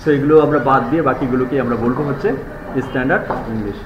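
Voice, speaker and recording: A man with a Bangladeshi accent lecturing a university class. He reads English passages slowly and explains them in quick bursts. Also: medium pitch, roomy sound, muffled recording, background noise. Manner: switches between rapid Bengali explanations and slow, deliberate English reading. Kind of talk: live classroom lecture mixing Bengali and English.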